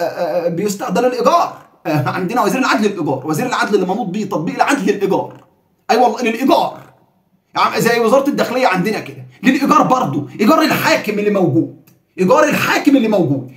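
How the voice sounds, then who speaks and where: A man's voice: extremely high pitch, roomy sound. A man with an Egyptian accent giving heated, sarcastic political commentary.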